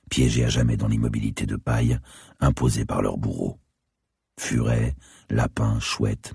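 A man reads a dark crime thriller in the first person at a measured, descriptive pace. His voice is extremely deep and gravelly, with a strongly husky texture. It is recorded close and dry, with no room sound. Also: no echo. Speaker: audiobook narrator.

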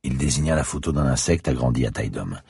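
A man narrating a story in first person, terse and gritty, with a husky voice. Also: rumbling low, fast talker, darkish tone, dry recording, studio quality. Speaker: audiobook narrator.

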